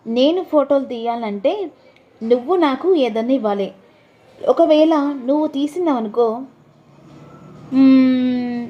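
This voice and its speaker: A woman voicing a playful, teasing young wife in a sing-song manner. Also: lo-fi sound. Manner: sing-song, teasing, raises her voice high.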